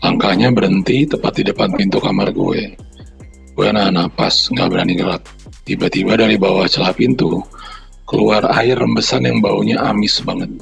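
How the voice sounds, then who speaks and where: A man with a deep, rough, gravelly voice reads a listener's horror story on a podcast. His tone is husky and grainy, with faint music playing underneath. He jokes in loose slang between the passages. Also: moderate pace. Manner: banters in slang, then reads steadily with sound effects. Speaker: podcast co-host reading listener horror stories. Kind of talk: casual chat and reading a horror story aloud.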